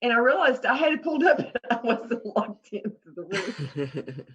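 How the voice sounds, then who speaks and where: A woman's voice: a little high, very animated, moderate pace, a bit bright, breathy edge. A woman co-hosting a casual chat.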